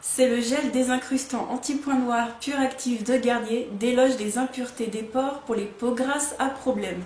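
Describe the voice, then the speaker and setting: A woman's voice: a little high, steady tone, moderate pace, darkish tone. A woman turning thirty, reviewing skincare products in a frank, chatty way full of fillers and restarts. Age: 30s. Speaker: beauty vlogger. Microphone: camera mic. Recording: echoey room with faint ambient noise.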